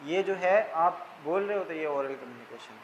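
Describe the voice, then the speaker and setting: A man's voice: fairly high pitch, expressive, normal speed, a little hiss or hum, low-quality recording. A man teaching a slide-based lesson who explains each term in simple words and keeps checking in with "ठीक है". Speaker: tutor.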